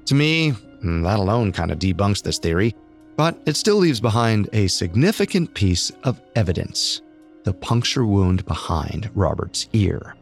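A man co-hosting a podcast, reading scripted true-crime narration with measured storytelling delivery. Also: on the low side, expressive, soft background music. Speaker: podcast co-host.

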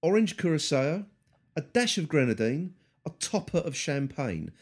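A man hosting a casual podcast chat, halting with many ums and teasing his co-hosts. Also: on the high side, very animated, a little mellow, breathy edge. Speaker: podcast host.

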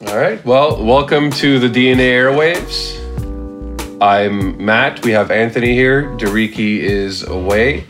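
A man's voice: mid-range voice, unhurried, fairly bright tone, soft background music. A man hosting a casual podcast interview, asking rambling questions with stumbles and restarts. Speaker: podcast host.

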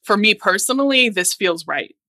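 A woman's voice: mid-range voice, lively intonation, moderate pace, no room sound. A woman in her thirties talking earnestly and thoughtfully in a casual chat. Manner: earnest, thoughtful, with soft laughs.

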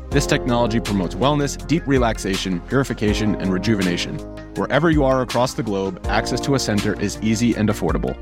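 A man delivering a scripted sponsor read as a podcaster. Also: fairly low pitch. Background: guitar music.

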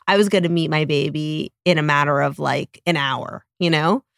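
A woman hosting a casual podcast chat in a low voice with plenty of vocal fry. She talks in a reassuring, conversational way, loose with fillers. The sound is dry and close. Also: moderate pace, fairly bright tone, dry recording. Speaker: podcast host.

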